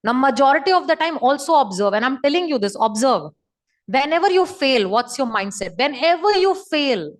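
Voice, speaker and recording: A middle-aged woman with an Indian English accent gives an emphatic, repetitive motivational talk to her sales team over a video call. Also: on the high side. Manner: emphatic, repetitive, coaching tone, drops into Hindi phrases. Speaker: direct-selling team leader speaking to her network.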